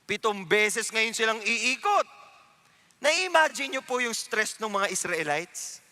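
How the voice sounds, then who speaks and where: A man preaching a youth sermon, telling the story with animated flair and mixing in English phrases. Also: high voice, takes it slowly. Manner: animated storytelling, acting out crowd voices; switches between Tagalog and English. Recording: long reverb of a large hall.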